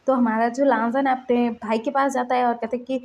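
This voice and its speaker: A woman's voice: on the high side, level tone, brisk, darkish tone. A woman casually retelling a fan fiction story aloud, voicing the characters' lines as she goes. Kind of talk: casual storytelling with voiced dialogue.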